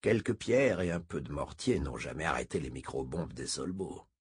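A man playing a terse old masked mutant scout in an audiobook, speaking low and clipped through a deep, deeply husky voice. He sounds guarded and spare with words. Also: animated, normal speed, heavily acted.

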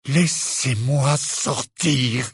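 A man voicing a grieving teenage boy wizard who trembles and shouts in rage, in an audiobook. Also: mid-range voice, very animated, moderate pace, gravelly, breathy edge, no echo, studio quality, exaggerated voice. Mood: bitter. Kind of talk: audiobook character voice.

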